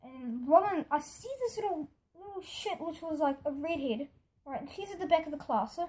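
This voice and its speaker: The voice is high with lively intonation, a little mellow, at a normal speed. It belongs to a young video storyteller rambling indignantly in casual vlog fashion and acting out other people's words. Music sits behind the voice.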